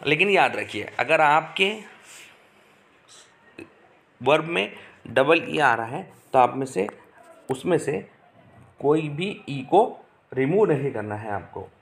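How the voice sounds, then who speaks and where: A man explaining English spelling and pronunciation rules step by step, slowly repeating each example word. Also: on the high side, lively intonation, creaky, a bit bright. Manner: slow, careful, repeats examples. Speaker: English teacher.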